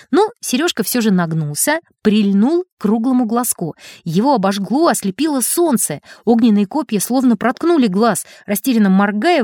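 A woman narrating a storybook in an expressive, animated way. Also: on the high side, no echo, clean studio sound.

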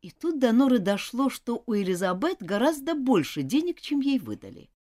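A woman's voice: fairly high pitch, very animated, normal speed, dark tone. A woman narrating a children's storybook aloud, voicing all the characters expressively.

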